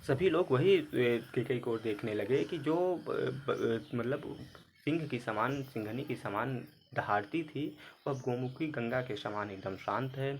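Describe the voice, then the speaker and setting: A man's voice: medium pitch, unhurried, slight background noise. A man teaching a Hindi poem to exam students, reading each verse and then glossing it word by word. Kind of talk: explaining a Hindi poem line by line.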